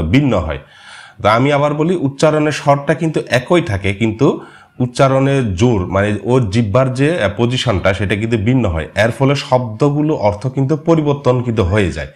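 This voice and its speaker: A man whose first language is Marma, patiently explaining a screen-share language lesson and often pausing to hesitate. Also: mid-range voice. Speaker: language course teacher.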